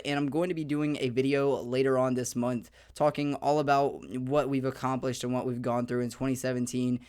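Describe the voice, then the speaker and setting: Here a young gaming-channel host, his voice a bit hoarse, medium in pitch and somewhat dark in tone, chats his way through a beginner's guide. He sounds upbeat and loose, dropping plenty of fillers in casual guide talk.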